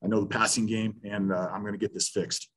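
A man in his fifties, a head football coach, speaks bluntly at a post-game press conference over a video call, restarting his sentences often. His voice is fairly low, husky, a little fast, and fairly flat in pitch. He sits in a small room before a sponsor backdrop, and the audio quality is poor.

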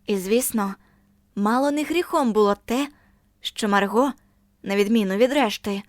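In a dry, studio-quality recording, a woman with a mid-range voice reads an audiobook aloud. Her storytelling is measured and expressive.

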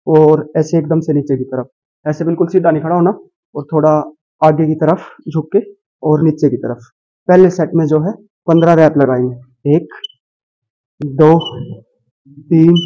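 Male gym trainer in his 30s, unhurried and mellow, slightly lo-fi lapel sound; counts reps aloud. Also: on the high side. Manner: counts reps aloud, addresses viewers as brothers. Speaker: gym trainer and fitness vlogger. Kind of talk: casual workout instruction. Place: large indoor gym.

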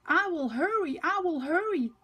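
A woman voicing a cheerful, eager young male tank engine in a children's storybook, repeating short phrases excitedly. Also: very high-pitched, moderate pace, pitched above the performer's own voice, heavily acted.

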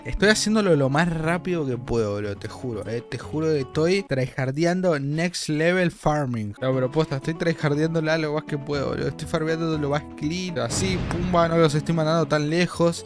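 A young man with an Argentine accent giving casual, excitable gameplay commentary, swearing and shouting at enemies, his voice a little off from being sick. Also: on the high side. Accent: Argentine Spanish. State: slightly sick voice. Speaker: gaming youtuber. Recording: game music behind voice.

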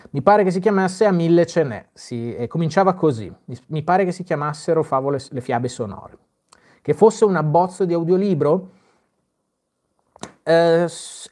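During a live Q&A, a man reads viewer comments aloud and responds in a casual, chatty manner, often using fillers and restarting sentences. His voice is fairly high in pitch with a darkish tone.

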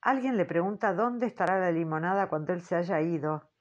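A woman narrating an audiobook in the first person, in a measured, earnest storytelling manner. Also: fairly low pitch, highs cut off.

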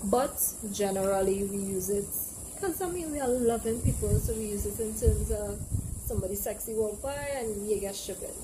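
A young adult woman from Trinidad and Tobago, a language teacher and presenter, speaks at medium pitch and a moderate pace with a Trinidadian Caribbean accent. Standing on an outdoor open porch with trees behind her, she gives a casual, playful explanation to camera and slips into local dialect examples. The recording is clear, with outdoor ambience in the background.

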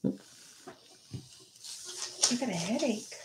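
A woman's voice: fairly high pitch, expressive, drawn-out words, heavy background noise. A woman co-hosting a live auction stream, reading out viewer comments and greeting people by name. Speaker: auction co-host. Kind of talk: casual live-stream chat.

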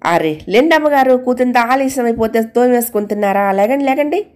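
A woman's voice: fairly high pitch, lively intonation, fairly quick, a little mellow, lightly acted. A woman voicing a poor, plain-spoken older housemaid who talks in rustic colloquial speech. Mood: scolding.

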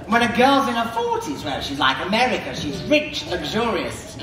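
Shrill camp pantomime dame, vain and bawdy, theatrical, high voice, very echoey theatre with crowd. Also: male voice, big pitch swings, normal speed, recorded from a distance. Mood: bawdy, teasing. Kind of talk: pantomime stage comedy. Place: large theatre stage. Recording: echoey theatre stage, music and crowd noise.

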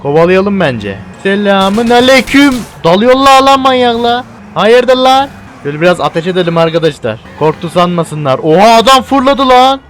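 Excitable young man doing game commentary. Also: sits high, slight background noise. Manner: excitable, laughing, shouting at game events. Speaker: gaming YouTuber. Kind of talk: gameplay commentary.

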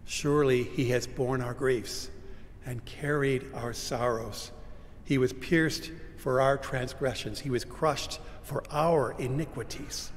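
Older pastor preaching in a reverberant church. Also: male voice, medium pitch, steady tone, slow. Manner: dramatic, swinging between loud cries and hushed whispers. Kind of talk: sermon. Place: large church sanctuary, standing at a pulpit. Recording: long church reverb, faint room hum.

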